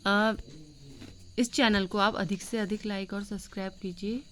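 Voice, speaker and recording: A woman teaching a grammar lesson in a patient classroom manner, repeating points, asking checking questions and drawing out vowel sounds slowly to show them. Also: medium pitch, steady tone, slight background noise. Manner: draws out vowel sounds slowly when demonstrating.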